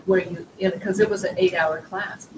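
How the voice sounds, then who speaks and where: A woman's voice: lowish voice, steady tone, a little fast. A woman in her fifties, a veteran real estate agent, telling a story enthusiastically with many fillers. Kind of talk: casual storytelling in a meeting. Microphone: distant room microphone. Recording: echoey room, far from mic, noisy.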